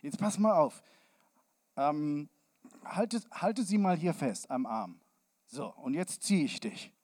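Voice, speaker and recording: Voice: mid-range voice, lively intonation, slow, darkish tone, no echo. An adult giving a children's sermon with a hands-on demonstration, speaking to the children directly, asking them questions and sometimes dropping to a whisper.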